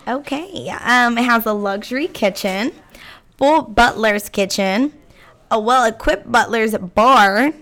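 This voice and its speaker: A woman co-host with a slightly high voice that is worn hoarse from a late night. She reads home listings aloud and breaks in with playful, joking asides. The talk is casual and chatty. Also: takes it slowly, a bit bright. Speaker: co-host of a real estate news show. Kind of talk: casual chat.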